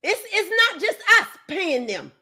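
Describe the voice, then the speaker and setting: A woman's voice: extremely high pitch, sing-song, unhurried, sharp tone. A woman hosting a commentary video, talking straight to her viewers and driving her points home with repetition. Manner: emphatic, keeps repeating herself for stress. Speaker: commentary host.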